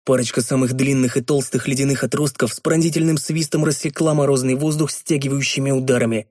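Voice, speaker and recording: Brief: male audiobook narrator, measured storytelling, dry close mic. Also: mid-range voice, steady tone, darkish tone, no echo. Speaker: audiobook reader. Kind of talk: scripted narration.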